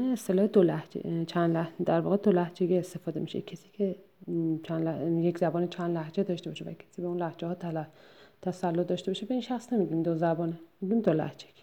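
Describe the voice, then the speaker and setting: A woman lectures her way through a textbook chapter in a low, mellow voice. Her delivery is measured and explanatory, with frequent filler pauses and restarts as she searches for the right phrasing. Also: creaky.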